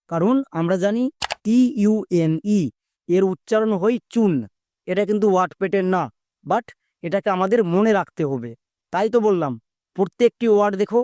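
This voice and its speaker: A man teaching English pronunciation in a spoken video lesson, breaking words down step by step and putting quick questions to the viewer. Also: high voice, a little mellow, no room sound, studio quality.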